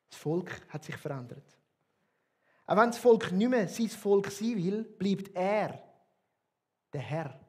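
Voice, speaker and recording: A pastor with a Swiss German accent delivers his sermon in an earnest, emphatic way, his voice sitting fairly high. The tone has a husky edge that stays with him throughout. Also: darkish tone.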